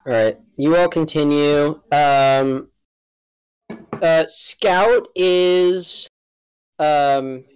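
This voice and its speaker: A woman narrating a tabletop game as game master, casual and halting as she thinks aloud. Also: sits low, a little mellow, clear, resonant tone, poor audio.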